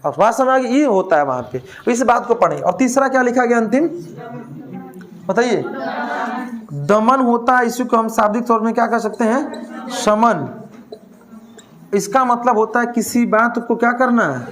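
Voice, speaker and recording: A man's voice: very high-pitched, normal speed, long pauses, fairly bright tone. A male teacher, lecturing a class, asking questions and answering them himself, with a joke now and then.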